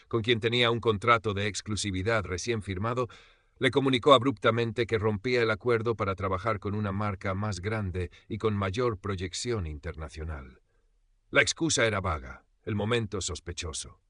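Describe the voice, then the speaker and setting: A man narrating a fiction audiobook in a steady, scripted storytelling manner. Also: lowish voice, no echo, clean studio sound.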